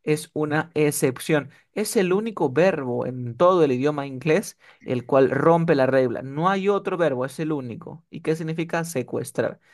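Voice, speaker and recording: A man's voice: fairly high pitch, normal speed, hardly any pauses, darkish tone. A man teaching English one-on-one over a video call, often checking that his student is following. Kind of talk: one-on-one online tutoring.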